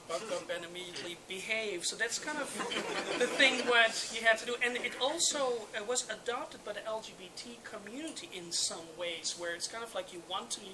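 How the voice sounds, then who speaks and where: A speaker from the Netherlands with a Dutch accent, a native Dutch speaker, giving a relaxed, hesitant panel talk full of ums and uhs. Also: medium pitch, normal speed, crowd noise. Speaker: urban demographer on a panel. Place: public roundtable event. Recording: noisy event recording.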